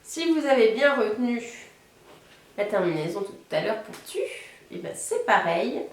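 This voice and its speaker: A woman teaching a beginner language lesson, patiently explaining and slowing down to model each word. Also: on the high side, sing-song, heavy reverb, far from the mic. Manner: patient explaining, slows down to model Italian words. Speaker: Italian teacher.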